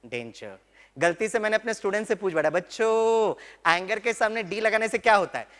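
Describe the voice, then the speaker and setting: A middle-aged man with an Indian English accent giving a lively spiritual lecture as an engineering professor, moving between Hindi and English. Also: sits high, brisk. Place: large lecture hall. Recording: long hall reverb.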